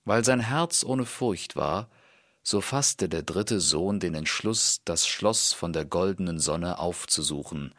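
A man reads a fairy tale in a calm, measured way, taking his time over every line. His voice is low with a gravelly texture, and the recording is close and dry. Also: no echo. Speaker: storyteller.

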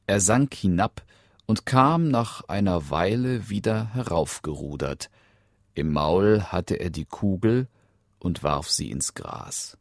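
A man reading a fairy tale aloud in a slow, expressive storytelling manner. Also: sits low, no echo, studio quality.

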